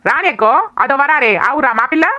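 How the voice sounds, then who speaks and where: A woman voicing a chatty, bossy young village woman in a cartoon, talking fast and scolding. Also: high voice, bright, forceful tone, soft background music. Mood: plotting. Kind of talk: cartoon voice acting.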